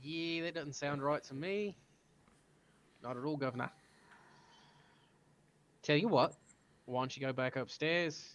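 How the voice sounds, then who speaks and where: A man voicing a gruff male kitchen guard in a Cockney accent that slips toward Australian, questioning a visitor suspiciously. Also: a little high, unhurried, long pauses, a bit bright. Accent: Cockney drifting into Australian.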